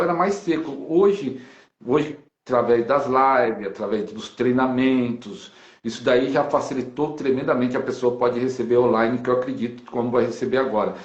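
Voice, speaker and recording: A Brazilian pastor speaks emphatically over a video call, slowing down whenever he quotes scripture. His voice sits in an echoey room, and the line sounds dull and lo-fi. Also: mid-range voice. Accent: Brazilian Portuguese. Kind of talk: preaching on a live video call.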